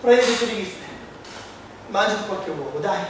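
A man voicing a coquettish elderly mother who talks in a high, hesitant flutter with many ehms, on a theatre stage. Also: animated, normal speed, noisy background. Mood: flustered. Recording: echoey stage from far off.

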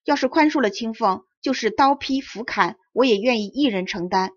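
A woman's voice: medium pitch, animated, fairly quick, husky, no echo. A woman reading the lines of an ardent young male scholar, pleading and earnest, in a dull lo-fi recording.

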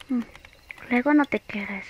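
A woman playing a playful, pouty young girlfriend in an ASMR role-play, speaking slowly and coaxingly with teasing hums and pauses. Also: fairly high pitch, muffled recording, background noise.

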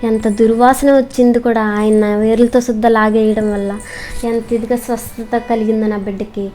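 A young mother tells her personal religious testimony in an earnest, polite, quick-paced way. Her voice sits a little high for a woman. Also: level tone, mellow, faint music behind.

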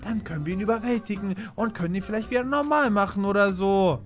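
Excitable man hosting a game roleplay. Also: sits high, soft background music. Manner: excitable, repeats words rapidly when panicking; addresses viewers directly as "Leute". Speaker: channel host and roleplayer. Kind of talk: Minecraft roleplay commentary.

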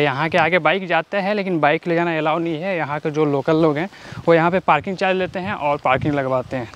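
A man's voice: a little high, fairly bright tone, low-quality recording. A young man in his twenties narrating a casual travel vlog outdoors, chatting with viewers as he walks and rides. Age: 20s. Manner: chatty, keeps addressing viewers as brother. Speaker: travel vlogger. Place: outdoors on roads and forest trails. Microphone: handheld action camera and bike-mounted camera. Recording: outdoor noise on a camera mic.

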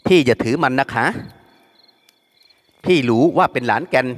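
A man voicing a gentle young woman who pleads softly. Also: medium pitch, normal speed, natural voice. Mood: urgent. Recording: long reverb.

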